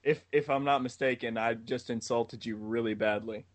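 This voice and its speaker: A man's voice: mid-range voice, steady tone, moderate pace, no echo. Polite joking man in dry sound. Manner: polite, joking, careful not to offend. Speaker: podcast co-host. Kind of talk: casual chat.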